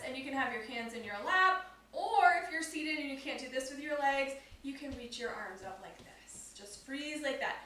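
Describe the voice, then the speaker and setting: Woman yoga instructor for kids, bright high voice, recorded from a distance in an echoing room. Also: slight background noise. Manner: upbeat, instructive, talks to children. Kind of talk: guided kids yoga class.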